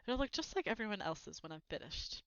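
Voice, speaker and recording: A woman's voice: medium pitch, big pitch swings, a little fast, a bit bright, dry recording, dull audio. A woman voicing a snappish, tight-lipped middle-aged aunt in a storybook reading, curt and disdainful. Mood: curt, irritated.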